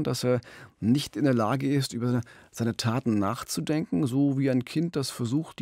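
A middle-aged man with a warm, mid-range voice co-hosts a true-crime podcast, telling stories conversationally. He sits close to a studio mic with a pop filter, wearing headphones, in a small radio studio with no room sound.

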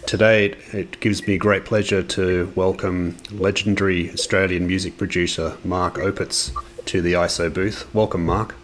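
A man's voice: low voice, flat delivery, moderate pace, a little hiss or hum. A man hosting a podcast, reading a scripted intro and then giving brief listening replies. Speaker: podcast host.

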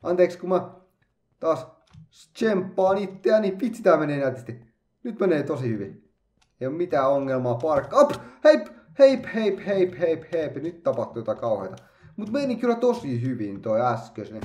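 A man giving playful, excitable let's-play commentary, chattering to himself and making silly sound effects as he plays. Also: fairly high pitch, echoey room. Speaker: gaming YouTuber.

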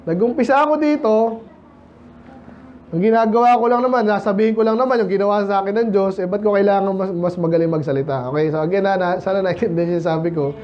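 Fast and high-voiced, a pastor from the Philippines preaches on a lo-fi recording with slight background noise. His sermon feels conversational, built around questions for the congregation and English scripture quoted within Tagalog.

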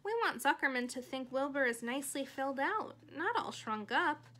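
A woman's voice: high voice, expressive, normal speed, sharp tone. A woman doing a kind, clever spider. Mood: kindly coaxing.

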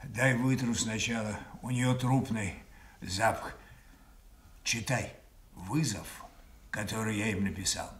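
An actor playing a mad old king, imperious and bitterly rambling, with deliberate, mocking declamation in a classical radio tragedy. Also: lowish voice, fairly bright tone. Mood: bitter raving. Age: older. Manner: declamatory, deliberate, shifting between mockery and command.

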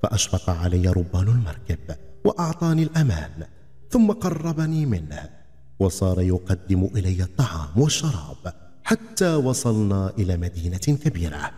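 A man narrating a folk tale in a dramatic, expressive scripted storytelling style. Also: low-pitched, normal speed. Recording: long reverb, faint background music.

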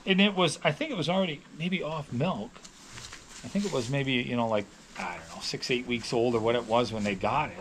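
A man's voice: mid-range voice, fairly quick, fairly bright tone. Middle-aged farmer guy chatting about his cows, wanders off track a lot, middle-range voice, faint hum in the background. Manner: rambling, with many restarts and hedges. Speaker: dairy farmer. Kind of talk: casual storytelling. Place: on a farm, near calves.

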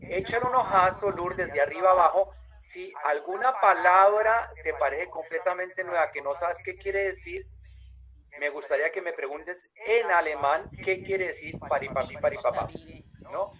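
A man teaches German in an online class over a video call, patiently drawing out each word slowly. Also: high voice, fairly bright tone, rough recording.

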